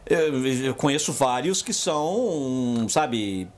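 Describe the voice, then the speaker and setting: Um homem apresentando um podcast numa conversa descontraída, que repete palavras e pergunta "você entendeu?" o tempo todo. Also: male voice, medium pitch, slow pace, slight background noise. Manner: animated, repeats words often, checks in with "você entendeu?". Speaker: podcast co-host. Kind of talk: casual chat.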